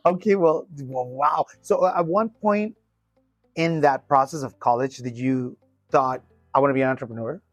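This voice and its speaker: A man's voice: on the high side, measured pace, no room sound, lo-fi sound, soft background music. Encouraging male podcast host. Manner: encouraging, frequent affirmations. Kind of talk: casual interview chat.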